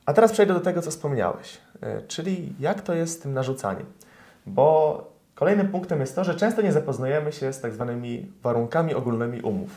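A man's voice: on the high side, animated, fairly quick, mellow. A young man, a lawyer, answering interview questions in an explanatory way, with frequent fillers and polite address to viewers.

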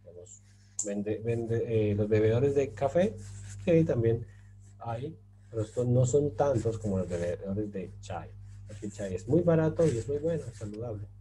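A man with a very dark, mellow voice gives a relaxed language lesson, stopping often with fillers and little checks for understanding. A faint hum sits under the recording. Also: mid-range voice, moderate pace, poor audio. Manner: explains patiently with many fillers and checks like ¿cierto?. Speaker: Turkish language teacher. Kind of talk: casual explanatory lesson. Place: in Turkey.

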